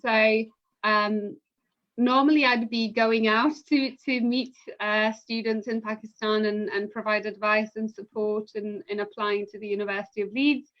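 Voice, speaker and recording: Hosting a live admissions session from home via video call, this university recruitment manager from Poland talks in a careful, halting way, filling gaps with lots of fillers. Her pitch is medium and her intonation fairly even, all heard through muffled, low-fidelity call audio.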